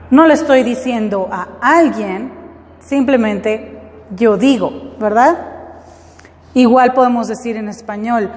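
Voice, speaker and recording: A woman's voice: fairly high pitch, darkish tone, big-room sound. A woman teaching English, explaining step by step and often checking that her students follow. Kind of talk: classroom lesson.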